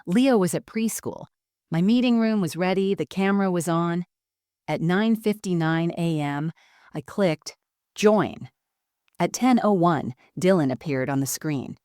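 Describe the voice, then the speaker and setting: A woman tells a first-person story with calm, measured composure. Her voice sits on the low side and sounds dry and close, with no room around it. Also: dry recording.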